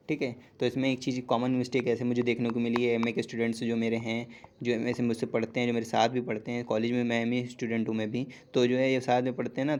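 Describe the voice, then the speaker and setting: Young male tutor, mid-pitched voice, patient and repetitive delivery, faint hiss in the background. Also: darkish tone. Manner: explains slowly, repeats words, asks and answers himself, "ठीक है" after each point. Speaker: English teacher on a channel. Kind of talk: casual classroom lesson.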